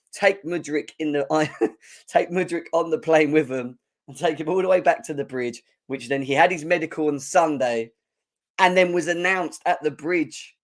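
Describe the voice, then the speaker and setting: Hosting a live football fan stream, this young man talks with energy in a croaky, hoarse voice pitched a little high, pausing now and then to clear his throat.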